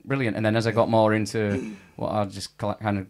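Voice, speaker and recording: A man's voice: lowish voice, little pitch movement, fairly quick, darkish tone. A man in his thirties with a Yorkshire accent hosting a podcast from a small studio, easygoing, asking short questions and laughing along. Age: 30s. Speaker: podcast host. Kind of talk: casual interview. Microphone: boom mic with headphones.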